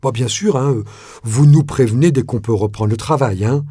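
Slick offhand dealmaker, voiced by a male narrator, dry husky tone, talks fast and easy. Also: medium pitch, dark tone, dry recording, lightly acted. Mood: breezy. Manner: casual, wheedling, fillers like "hein". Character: offhand, scheming middle-aged male businessman.

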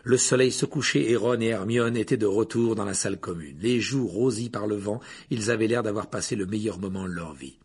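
A man narrating a story aloud in an expressive, animated way. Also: lowish voice, fairly quick, few pauses, husky. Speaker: audiobook narrator. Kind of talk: storybook reading.

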